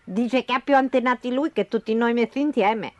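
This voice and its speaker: A woman voicing a small squeaky mole, in a slightly raised, matter-of-fact voice. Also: fairly quick, dull audio, close to an everyday voice.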